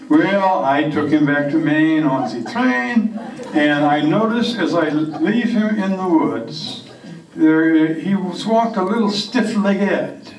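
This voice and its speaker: In an echoey room, a slow-talking French-Canadian woodsman acted by a man brags through a comic stage monologue. His English is simple and halting, and his voice sits slightly high for a man. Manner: halting, simple broken English, tall-tale bragging. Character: boastful French-Canadian woodsman, champion moose caller. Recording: echoey room, distant microphone.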